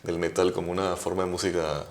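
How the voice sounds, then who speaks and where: Low-voiced man, musing and hedging. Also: little pitch movement, fast talker. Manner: thoughtful, hedging, many restarts and tag questions. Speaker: guest guitarist. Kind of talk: casual interview chat.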